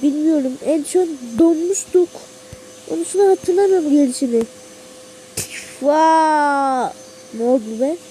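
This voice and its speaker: A woman acting out a homemade toy-figure drama, jumping between squeaky and low voices with frequent gasps. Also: fairly quick, mellow, a little hiss or hum, low-quality recording. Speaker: amateur storyteller voicing all the characters.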